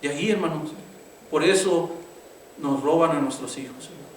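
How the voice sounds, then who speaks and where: In a church sanctuary, a middle-aged male pastor preaches a conversational sermon at a moderate pace, his voice fairly high. He keeps addressing listeners as brother and asking "right?". The distant mic picks up church echo and a faint hiss.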